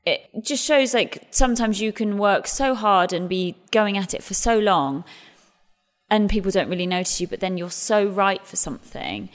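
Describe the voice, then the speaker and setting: An English musical theatre actress in her thirties chats about her career during an interview, often restarting her sentences and laughing at herself in a self-deprecating way. Her voice is mid-range at a moderate pace, and the recording has a big-room sound.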